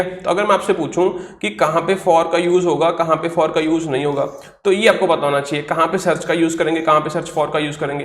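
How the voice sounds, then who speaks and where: In an echoey room, a man with a fairly high, creaky voice teaches English vocabulary in an online class delivered in Hindi. He explains step by step, spells words out letter by letter, and answers his own questions.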